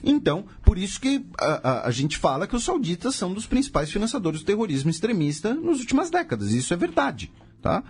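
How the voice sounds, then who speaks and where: Lively Brazilian podcast host explaining. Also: male voice, high voice, brisk, husky. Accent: Brazilian Portuguese. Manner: lively, rhetorical questions, frequent "tá?" and "né?" asides, sarcastic. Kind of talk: casual explanatory podcast talk.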